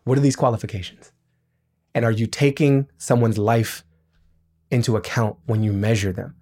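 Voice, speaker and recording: A middle-aged man, a podcast guest, explaining his points in an animated, emphatic way. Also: on the low side, moderate pace. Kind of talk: podcast interview.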